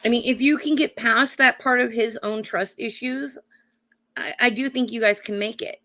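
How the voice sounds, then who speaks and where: Hoarse woman giving psychic readings. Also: on the high side, normal speed, sharp tone. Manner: calls viewers honey and darling, adds "okay?" tag questions. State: hoarse from a cold. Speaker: psychic card reader. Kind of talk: live-streamed card reading.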